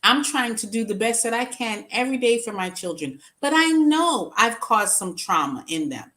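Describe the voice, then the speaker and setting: A woman's voice: on the high side, expressive, normal speed, pushed and bright. A middle-aged woman speaking as an interview guest, telling personal stories in an earnest, reflective way. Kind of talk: conversational interview.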